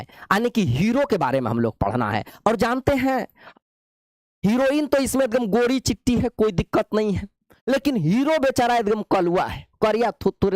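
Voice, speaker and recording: Male teacher, playful coaxing lecture style, high and animated. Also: no echo. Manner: playful, repetitive, coaxing students with "babu". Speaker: chemistry teacher. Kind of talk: classroom lecture.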